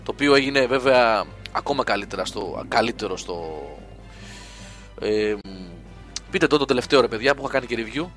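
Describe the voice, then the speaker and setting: A man co-hosting a casual podcast about video games, explaining at length with plenty of quick repeated yeses. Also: medium pitch, animated, fairly bright tone, soft background music. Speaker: gaming podcast co-host.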